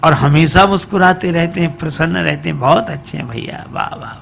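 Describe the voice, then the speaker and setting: A man's voice: a little high, a little fast, creaky, a bit bright, slight background noise. A man voicing a naive young farmer husband admiring his reflection.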